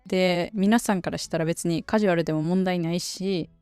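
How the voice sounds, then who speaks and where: Relaxed Kansai woman podcasting. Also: fairly low pitch, fairly quick, clean tone, dry recording, soft background music. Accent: Kansai Japanese. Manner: chatty and relaxed, dialect-heavy. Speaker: podcast host teaching Japanese. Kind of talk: casual solo podcast talk.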